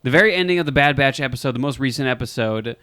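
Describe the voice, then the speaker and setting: A man's voice: medium pitch, racing, bright, forceful tone, clean tone, dry recording, studio quality. A man co-hosting a casual podcast chat, giving strong, emphatic opinions. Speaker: podcast co-host.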